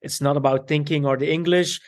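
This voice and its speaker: A man with an Italian accent, a tailor raised in Belgium, speaking haltingly in a casual interview as the guest. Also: a little high, fairly even intonation. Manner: halting, repeats words.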